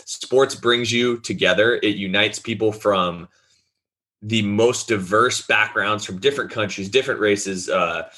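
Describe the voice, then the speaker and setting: Man, lowish voice, bright forceful tone, enthusiastic casual sports chat. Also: unhurried. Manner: energetic and enthusiastic, talks in long runs. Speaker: sports podcast co-host.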